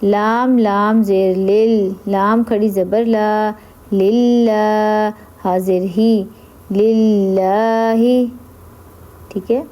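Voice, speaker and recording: A woman teaching Quran reading who spells out letters and vowel marks, then repeats each word slowly, humming doubled letters through the nose. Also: mid-range voice, level tone, mellow. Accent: Urdu. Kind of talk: slow spelled-out recitation lesson.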